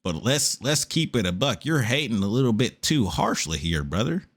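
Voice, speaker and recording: A man's voice: on the low side, very animated, moderate pace. A tired man reacting to a video on stream, talking in an exasperated, lecturing way and calling the other person "brother". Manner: exasperated, preachy, says "brother" a lot. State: tired after a long stream. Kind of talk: casual reaction commentary.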